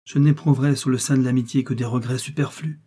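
A man voicing a gentle dying noblewoman. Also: steady tone, quick pace, husky, natural voice. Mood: pleading, tender. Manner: tender, raised pitch for a woman.

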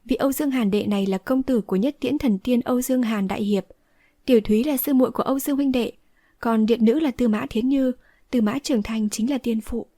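A woman's voice: on the high side, a little fast, warm tone, dry recording. A woman reading the part of a resolute young swordswoman who speaks firmly and decisively, in a dry close recording. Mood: composed. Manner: firm, decisive speech. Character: young heroine, resolute and fierce-tempered.

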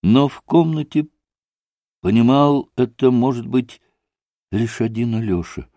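A man narrating a classic novel in a measured, deliberate storytelling manner. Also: medium pitch, dark tone, no room sound, clean studio sound. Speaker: audiobook narrator. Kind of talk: scripted literary narration.

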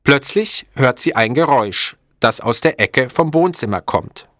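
A male narrator reading a story at a slow, careful pace, with a lively, expressive pitch. The recording is dry and close to the mic. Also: no echo. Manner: clear, deliberate, expressive.

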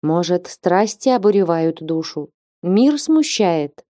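A woman reading an audiobook and voicing an elderly abbess who speaks in a slow, grave, measured way. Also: lowish voice, big pitch swings, mellow, dry recording, clean studio sound. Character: stern but loving elderly abbess.

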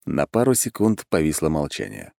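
A man's voice: a bass voice, animated, moderate pace, darkish tone, no room sound, studio quality. A man narrating a first-person audiobook in a wry, conversational way.

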